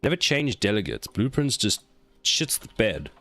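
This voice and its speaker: A man's voice: on the low side, big pitch swings, moderate pace, sharp tone, no room sound. A man streaming game development, chatting casually and playfully scolding his code as if it were alive. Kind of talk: casual live-stream chat while coding.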